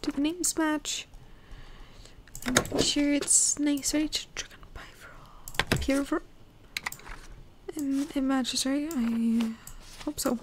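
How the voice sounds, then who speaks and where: A woman's voice: high voice, fairly even intonation, slow, pauses often, noisy background. A woman giving casual gameplay commentary, chatty and apologetic, thinking aloud with little giggles. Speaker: gamer. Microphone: desktop USB microphone.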